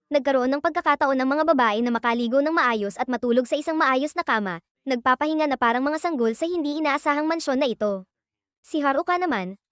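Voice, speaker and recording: A woman narrating an anime recap in a steady, scripted storytelling read. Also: high voice, no echo, studio quality.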